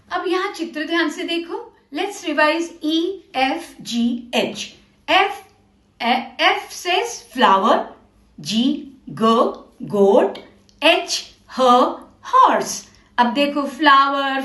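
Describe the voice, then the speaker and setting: A woman teacher walks learners through a literacy lesson, slow and patient, repeating each word. Her voice sits high. The room around her echoes. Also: fairly bright tone. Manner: slow, patient, coaxing, repeats words and asks questions.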